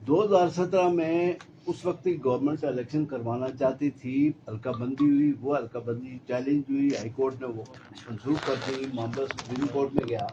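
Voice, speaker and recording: A middle-aged man, a member of an election commission, explaining a timeline at a press conference in a measured way, often pausing with hesitations. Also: medium pitch, steady tone. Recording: dull lo-fi audio with faint noise.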